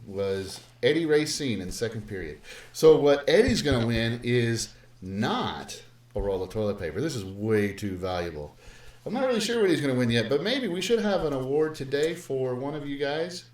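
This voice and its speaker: A man's voice: mid-range voice, sing-song, normal speed, darkish tone. Chatty male math teacher, roomy stream. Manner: chatty, playful, lots of fillers and asides. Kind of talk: casual live-streamed lesson. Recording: roomy live stream with faint noise.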